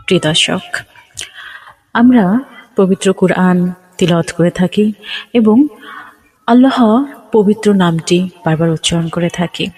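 A man giving a slow, careful lesson on pronouncing words in recitation, repeating each example. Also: high voice, husky, low-quality recording. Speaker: religious teacher. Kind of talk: Quran pronunciation lesson.

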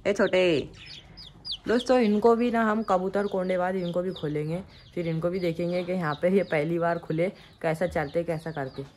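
A man's voice: high-pitched, fairly even intonation, normal speed, slight background noise. A man chatting to viewers in a casual pet vlog by his poultry pens, calling out to his birds now and then. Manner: chatty, keeps addressing viewers as friends; coaxes and scolds the animals loudly. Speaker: pet vlogger. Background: clucking hens and birds.

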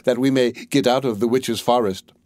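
A man's voice: medium pitch, steady tone, normal speed, a little mellow, dry recording, natural voice. A man voicing an eager young boy in a storybook reading, raising his voice a little.

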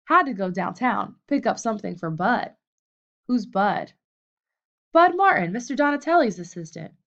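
A woman's voice: medium pitch, very animated, moderate pace, a bit bright. A woman voicing an eager, friendly young male gym helper, in a lo-fi audiobook recording. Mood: explaining.

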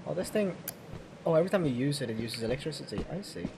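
This is a streamer in the middle of a co-op game, chatting with friends in a loose, profane way and breaking into loud yelps whenever something goes wrong. The pitch sits in a middle range, and the recording has clear background noise under it. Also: expressive, quick pace. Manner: swears a lot, loud outbursts when startled. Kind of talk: casual gaming chat with friends. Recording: noisy game stream audio.

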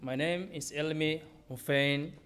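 A man's voice: on the high side, fairly even intonation, measured pace, a bit bright, a little hiss or hum. Young man reading his story. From Somalia. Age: young adult. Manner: reads steadily from notes at a lectern, simple phrasing. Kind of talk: personal story read aloud on stage. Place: theater auditorium stage. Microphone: podium microphone.

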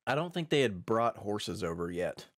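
A man's voice: on the low side, normal speed, no room sound, studio quality. A man co-hosting a casual podcast, jumping into bits and laughing with his friends. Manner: animated, laughs a lot, jumps into bits. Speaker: podcast co-host. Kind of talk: casual chat.

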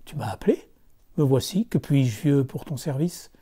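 A man's voice: mid-range voice, animated, moderate pace, husky. A man voicing a kind, gracious magical golden fish in a storybook reading. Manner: gentle, gracious.

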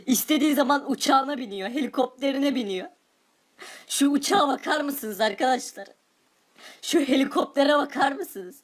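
A poor, envious game-world villager, voiced by a woman, wistful over what she lacks and bitter toward the rich. The voice is high and light, and it curses sharply. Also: moderate pace, natural voice. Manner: wistful, then bitter and cursing. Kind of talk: Minecraft role-play commentary.

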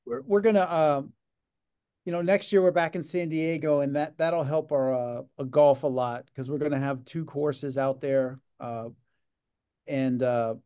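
A middle-aged man who leads a gaming association talks in a casual video-call interview from his home office, picked up by a webcam mic. His voice is a little high, dark and clean, with a steady, unhurried delivery, and he rambles with plenty of fillers and repeated words.

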